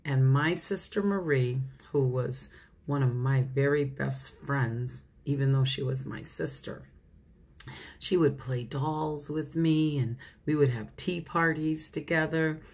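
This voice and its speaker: A woman's voice: deep voice, takes it slowly, a little mellow. A woman pastor reading a children's storybook aloud, chatting straight to the children and laughing often.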